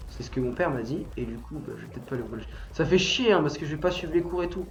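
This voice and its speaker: A teenage boy with a cold and stuffy nose rambles and swears freely on a casual gaming stream, his fairly high voice animated and racing, bursting into angry shouts at the game. The lo-fi audio is dull with roomy echo and faint music.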